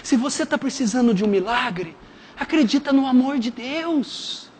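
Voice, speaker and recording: A man preaching a sermon as pastor, dropping to hushed tones and rising to shouted fervor. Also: expressive, normal speed, a little hiss or hum. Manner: swings from hushed intimate lows to shouted fervent climaxes. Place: church sanctuary. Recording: long hall reverb.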